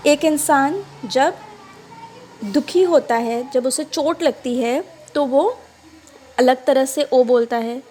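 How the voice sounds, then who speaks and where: A woman teacher reading an English story aloud slowly to children, then explaining each line in Hindi and checking that they follow. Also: sits high, mellow, slight background noise.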